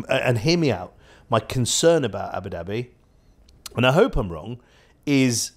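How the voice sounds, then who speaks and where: A man co-hosting a casual podcast chat on property markets, who speaks in quick bursts with joking asides and restarts. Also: fairly low pitch, a little mellow.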